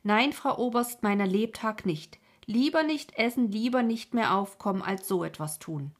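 A woman's voice: mid-range voice, normal speed, a little mellow, slightly rough. A woman voicing a frail, agitated old sick man who pleads anxiously in a storybook reading.

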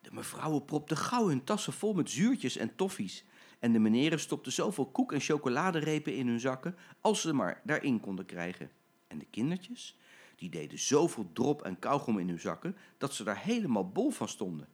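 An older man, a grandfather, reading a children's story aloud in an expressive storytelling manner. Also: mid-range voice, normal speed, slightly rough.

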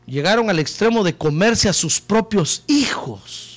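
Male preacher, high and very animated voice, fiery sermon delivery that swings from hushed to shouting. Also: unhurried. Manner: impassioned preaching, swings from low murmurs to shouted peaks; keeps addressing listeners as "hermano". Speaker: pastor.

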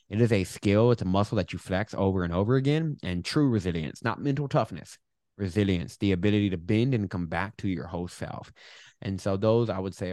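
A man with a lowish voice talks as a guest in a conversational interview, recorded very dry. He has a lisp on his S, and his R sometimes comes out as W. He explains emphatically, repeating phrases to drive them home. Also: a little mellow, no echo. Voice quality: lisp on S sounds; R sometimes sounds like W. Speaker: guest, public speaker.

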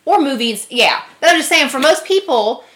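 A woman co-hosting a casual chat among friends, chatty and self-deprecating with quick asides. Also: high voice, animated, fairly bright tone. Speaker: podcast co-host.

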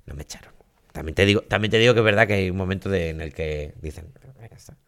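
Gravelly-voiced man, teasing co-host. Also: low voice, quick pace. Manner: teasing, excitable, talks over his partner. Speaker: podcast co-host. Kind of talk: casual comedy chat.

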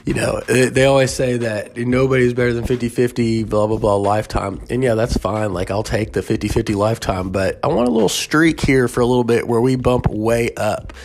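A man's voice: mid-range voice, a little fast, hardly any pauses, background noise. Tired, rambling male podcast host. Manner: laid-back, rambling with fillers and restarts. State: tired, yawning. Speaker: sports betting podcast host. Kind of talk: casual solo podcast.

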